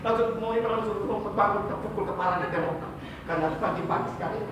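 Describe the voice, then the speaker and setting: A man's voice: sits high, fast talker, noisy background. A man preaching a sermon with great passion, acting out tearful prayers to God. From Indonesia. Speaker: pastor. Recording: echoey hall, mic from far off.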